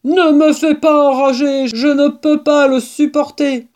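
A woman voicing a panicked, desperate old male badger in a storybook, with loud, drawn-out, anguished outbursts. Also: fairly high pitch, steady tone, voice pushed up. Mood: alarmed. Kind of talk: storybook character voice.

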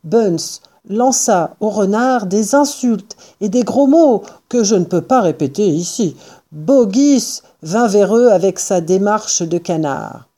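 Storybook narrator: woman, mellow voice, slow, expressive reading. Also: mid-range voice. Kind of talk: reading a children's book aloud.

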